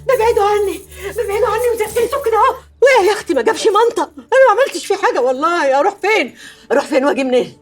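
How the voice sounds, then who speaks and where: A woman's voice: very high voice, expressive, very fast, soft background music. A woman with an Egyptian accent playing a scheming wife who turns into a grieving mother, talking in a frantic, wailing way in a film drama. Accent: Egyptian Arabic.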